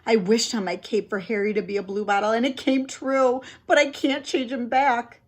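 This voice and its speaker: A woman voicing an excitable young boy talking urgently and with exasperation in a read-aloud story. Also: on the high side, moderate pace, pitched above the performer's own voice, natural voice. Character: excitable young boy, bossy big brother.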